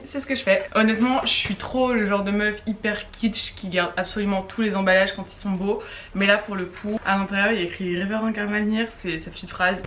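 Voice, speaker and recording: A teenage girl from France chatting casually in a vlog, tired and unwell, with quick asides and exasperated complaints. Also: mid-range voice, fairly bright tone, a little hiss or hum. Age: teens. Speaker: vlogger.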